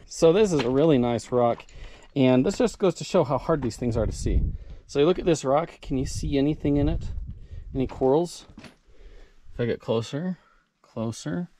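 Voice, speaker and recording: Animated and warm, a man with a medium-pitched voice vlogs outdoors at a mine site and a backyard, keenly showing his viewers fossils and cut rocks while handling them. He keeps a moderate pace in casual show-and-tell narration, and the action camera mic carries a little hiss or hum.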